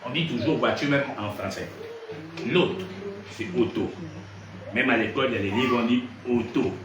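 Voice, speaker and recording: A Gabonese man with a mid-range voice preaches at a moderate pace, lively and constantly questioning his congregation as he teaches. The audio is dull and noisy, recorded far away in an echoey room, with a crowd audible behind him.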